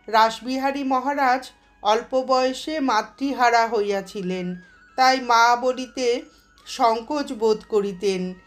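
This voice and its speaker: Female narrator for devotional storytelling, reverent and unhurried, voice sits a little high. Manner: slow, measured, reverent reading.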